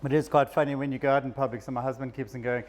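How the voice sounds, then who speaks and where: Speaking rapid-fire at a medium pitch with fairly even intonation, a South African psychiatrist gives a casual talk to a live audience in an event room. He's chatty and self-deprecating, laughing often.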